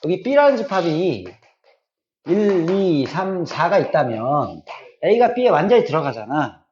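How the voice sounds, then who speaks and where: A man's voice: fairly high pitch, big pitch swings, takes it slowly, darkish tone, highs cut off, a little hiss or hum. A middle-aged man teaching a math class, repeating key points and often checking that students follow.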